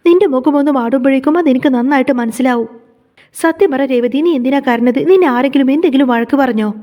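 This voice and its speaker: A concerned young husband, read out by a woman who keeps pressing with questions. The lines run fast. The voice stays high and mellow. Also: close to an everyday voice. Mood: insistent. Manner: insistent, questioning.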